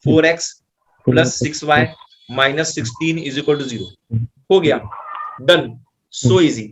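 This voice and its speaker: A man with an Indian accent tutoring maths, his voice pitched a little high. He works through each step out loud as he writes. He keeps reassuring the student that it is all simple. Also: slow, slight background noise. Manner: breezy, reassuring, thinks aloud while writing. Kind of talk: explaining maths problems.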